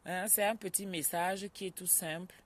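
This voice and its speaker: A woman's voice: fairly low pitch, steady tone, normal speed. Chatty woman live-streaming from home. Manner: chatty, greets viewers by name, scolds a crying child aside. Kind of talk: casual live-stream chat.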